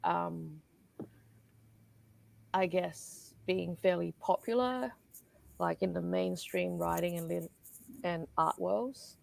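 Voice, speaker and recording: A woman's voice: on the low side, fairly even intonation, slow pace, vocal fry, pauses often, a little mellow, no echo. A woman from Singapore, a guest writer in a conversational panel interview, talking casually with many fillers and asides.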